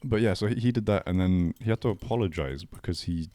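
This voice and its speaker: A man's voice: low voice, fast, warm tone, no room sound. A man co-hosting a podcast in casual chat, laughing often and restarting his sentences. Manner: laughing, stumbling restarts, slangy. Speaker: podcast co-host.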